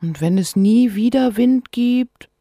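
A woman voicing a little sick girl in a storybook reading, with a high, childlike voice. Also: takes it slowly, warm tone, dry recording, clean studio sound.

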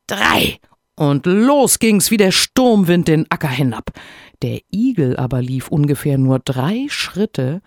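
A man reading a fairy tale aloud as a storyteller, in an expressive way. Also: a little high, creaky, no echo, studio quality.

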